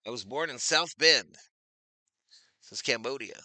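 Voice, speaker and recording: Bright-voiced man calling a baseball stream. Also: mid-range voice, a little slow, no room sound. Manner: chatty, reads out viewer names, loud on big plays. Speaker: streamer doing play-by-play. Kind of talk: casual live-stream baseball commentary.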